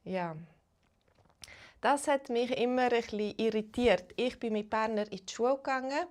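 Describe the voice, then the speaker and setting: A woman from Switzerland who teaches Swiss German, chatting casually with live-stream viewers and greeting them one by one. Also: a little high. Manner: greets chat viewers, slow and unhurried, switches between English and German.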